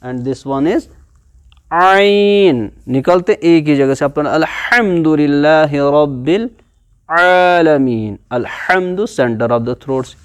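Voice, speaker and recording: Male teacher with a Pakistani Urdu accent, mid pitch, patient step-by-step lesson with drawn-out demonstrations. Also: dry recording. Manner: patient, explains letter by letter and stretches out sounds to demonstrate. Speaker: Quran teacher. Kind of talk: classroom video lesson.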